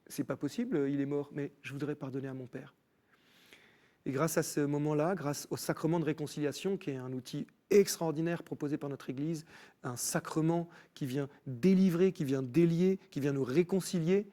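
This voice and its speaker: A man telling his personal faith story as a TV guest, in an animated storytelling manner with many restarts. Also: on the high side, moderate pace. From France. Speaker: guest musician. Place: TV studio.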